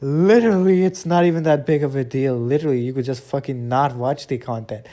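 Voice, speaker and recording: With a non-American accent, a man reacts to his own old videos in a casual, blunt, profane rant, repeatedly dropping the filler "all right?". His voice is medium-pitched, brisk, and mellow.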